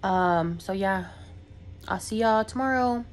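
Speaking slowly in a mid-range voice with a little hiss or hum in the background, a congested young woman chats away in her vlog. She's sick with a cold and her talk wanders, loaded with filler words.

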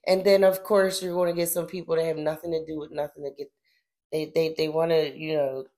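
A middle-aged woman hosting a casual spiritual commentary, dramatic and slangy, dropping to whispers and rising to emphatic outbursts. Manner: dramatic, swings between low whispers and emphatic loud outbursts; casual slangy delivery with repeated phrases. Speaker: spiritual channeler and host.

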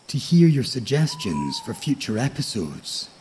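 A man with a husky, breathy voice hosting a bedtime podcast, soothing, unhurried and polite. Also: medium pitch, very animated, darkish tone, a little hiss or hum. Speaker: host of a sleep story podcast. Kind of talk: calm bedtime podcast introduction.

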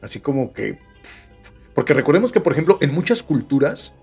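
A man's voice: on the high side, big pitch swings, brisk, gravelly, a little mellow, breathy edge, faint music behind. A man with a Mexican Spanish accent, hosting a podcast, reading listener stories aloud with chatty joking asides. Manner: chatty, joking asides between read passages. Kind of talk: casual storytelling reading.

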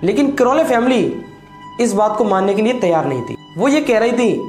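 A man's voice: expressive, moderate pace, a little mellow. Young man telling a dramatic ghost story. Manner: dramatic, drops low on ominous lines, hand gestures. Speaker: storytelling channel host. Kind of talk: animated horror storytelling to camera. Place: small indoor room with cloth backdrop. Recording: echoey room, faint background music.

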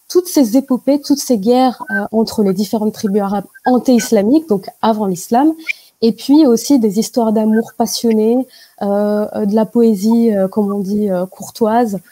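A young woman answering interview questions over a video call, explaining carefully with many pauses and fillers. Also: medium pitch, mellow, no echo, rough recording. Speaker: guest. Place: indoor room at home. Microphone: video call with wired earphone mic.

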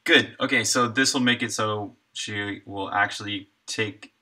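The speaker is a middle-aged game developer and streamer who codes live at an indoor desk, voicing his thoughts in short, laid-back bits. His fairly low voice is steady in tone, pushed and bright, and a little slow.

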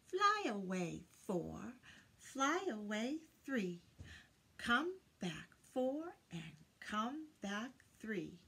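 An older woman reads aloud to children in a small indoor room lined with bookshelves, teaching in a sing-song way and asking her young listeners questions. Her medium-pitched voice is very animated and very slow, with vocal fry, a sharp tone, and a breathy edge.

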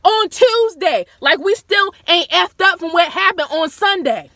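A young woman, chatting casually and dramatically in a vlog, slangy and swinging from hushed to loud. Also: very high-pitched, moderate pace, no echo. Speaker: vlogger. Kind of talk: casual chat recapping a TV show.

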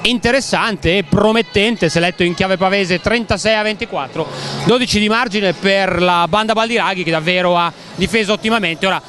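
A man's voice: sits high, a little fast, fairly bright tone. A man giving live play-by-play basketball commentary in a wordy, colourful style, as heard on a sports broadcast. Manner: wordy, colourful, rhetorical turns of phrase. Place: large indoor basketball arena, commentary position. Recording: noisy sports hall ambience. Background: clear arena noise.

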